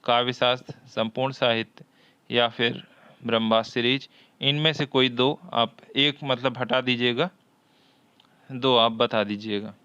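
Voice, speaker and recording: A man teaching a Hindi exam-prep lesson, reading each question aloud, often twice, and explaining the answer deliberately. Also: mid-range voice, fairly even intonation, sharp tone, clean tone, dry recording, highs cut off.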